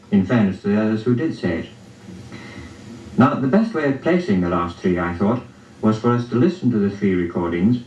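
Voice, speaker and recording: Low-voiced man presenting, dull roomy recording. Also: darkish tone. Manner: polite, measured, formal. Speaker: contest presenter and judge. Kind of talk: formal presenting. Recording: dull, roomy, distant archival audio.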